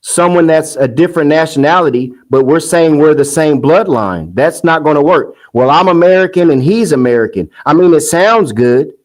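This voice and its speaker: A man's voice: fairly high pitch, animated, moderate pace, few pauses, poor audio. A man hosting a casual commentary monologue, heated and scoffing, rambling with restarts. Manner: sing-song mocking quotes. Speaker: commentary host.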